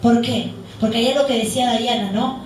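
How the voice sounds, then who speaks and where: A woman's voice: fairly high pitch, fairly even intonation, a little fast, a little hiss or hum. Woman preaching in an echoey church. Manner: asks the congregation questions and answers them herself. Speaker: deaconess preaching. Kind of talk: sermon. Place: church hall. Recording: very echoey hall, voice picked up from a distance.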